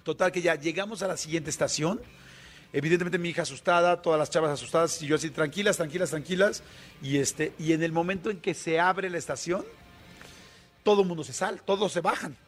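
A man with a Mexican Spanish accent, a radio guest telling a story in a colloquial, animated way with many fillers. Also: on the high side, fast, faint music behind.

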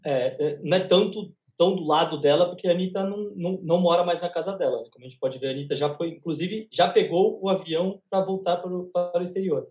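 A Brazilian man co-hosts a celebrity gossip chat, teasing and joking as he talks. His voice sits a little high for a man. The room around him rings with echo. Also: fast talker, hardly any pauses, darkish tone. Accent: Brazilian Portuguese. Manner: playful, teasing. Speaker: entertainment news editor, co-host. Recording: echoey room.

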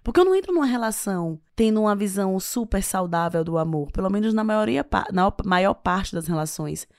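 A woman speaks as an interview guest, explaining advice with lively stress on her words. Her voice has a noticeable gravelly fry. It sounds dry and close, with no room around it. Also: medium pitch, brisk, dry recording. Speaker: author and guest. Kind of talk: interview answers giving advice.

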